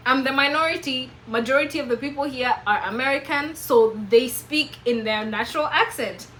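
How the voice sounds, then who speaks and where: A woman with a Kenyan accent, hosting a casual vlog and chatting to the camera with lively, emphatic jumps in her voice. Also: high-pitched, normal speed, a little hiss or hum, poor audio. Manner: animated, expressive, with sudden emphatic jumps. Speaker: vlogger host.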